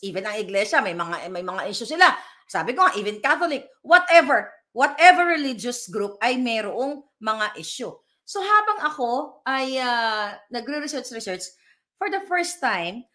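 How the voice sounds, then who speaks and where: Bright high-voiced woman vlogger. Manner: emphatic, talks to viewers directly and reads their comments aloud. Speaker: political vlogger. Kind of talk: casual live commentary vlog.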